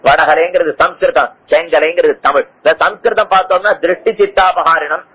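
Older male discourse speaker, bright husky voice, chants verses, old radio sound. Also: fairly high pitch, steady tone, a little fast, poor audio. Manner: explains Sanskrit verses and recites Tamil hymns in a lilting chant. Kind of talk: devotional discourse.

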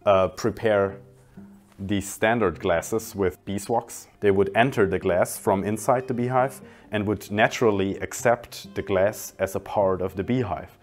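A young man in his twenties with a low, deep voice speaks calmly in a documentary interview, explaining his design project with small restarts. Soft music plays faintly behind him. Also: a little slow. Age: 20s. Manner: calm, explanatory, some restarts. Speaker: industrial designer. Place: indoor hallway by large windows.

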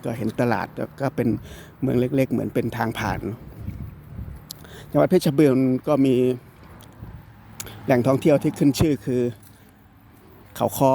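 A young man from Thailand's northeast, with an Isan accent, talks in a rambling, self-correcting way as he drives and walks around, filming on his phone. His voice is gravelly and sits at an ordinary pitch. A faint hiss of noise runs under the recording. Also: moderate pace, pauses often, dark tone. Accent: Isan Thai. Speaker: vlogger. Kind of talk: casual travel vlog narration. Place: outdoors and driving around the countryside. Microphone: phone held by the speaker.

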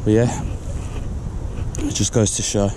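A man narrating as he fishes from a canal bank, explaining his technique in a relaxed way, recorded on a body-worn camera outdoors. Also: lowish voice, measured pace. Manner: relaxed, explanatory, talking while fishing. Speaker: angler vlogger. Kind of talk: fishing commentary. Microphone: chest-mounted action camera. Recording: outdoor wind and ambient noise.

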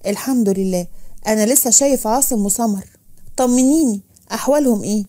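A woman's voice: fairly high pitch, quick pace, mellow, lightly acted. A woman voicing a teasing old grandfather. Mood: content. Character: older grandfather, calm and teasing.

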